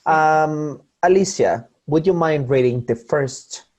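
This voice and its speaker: A male English teacher with a Spanish accent gives an online class lecture, explaining things and speaking directly to his students with many restarts. His voice is on the high side, slow and a little mellow.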